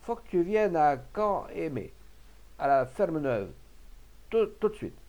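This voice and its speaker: A man voicing a gruff, bullying older peasant farmer and mayor who talks in rustic country speech and barks orders. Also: on the high side, sing-song, takes it slowly, darkish tone, pitched above the performer's own voice. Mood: insistent.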